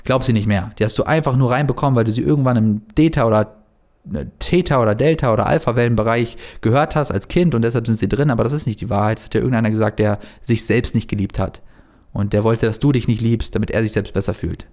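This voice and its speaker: A man talking fast and earnestly to the viewer about meditation and self-belief, in a casual motivational style. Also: medium pitch, a little mellow. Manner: fast-talking, earnest, addresses the listener directly. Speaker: self-help coach.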